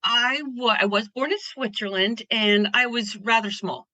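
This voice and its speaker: A woman's voice: on the high side, a little slow, pushed and bright, no room sound. A woman from Pennsylvania chatting as an interview guest, upbeat and rambling with restarts. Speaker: guest artist. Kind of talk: casual interview chat.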